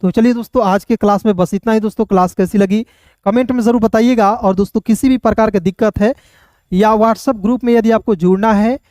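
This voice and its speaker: Guy teaching english online, dark mellow voice, slow sound-by-sound drills, keeps asking if it's clear. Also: sits high, fairly even intonation, no room sound, studio quality. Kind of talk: online lesson.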